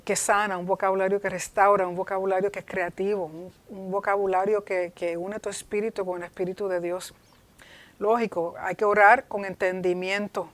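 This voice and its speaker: A woman's voice: medium pitch, no room sound. A woman pastor teaching a class in an earnest way, often repeating herself and restarting her phrases.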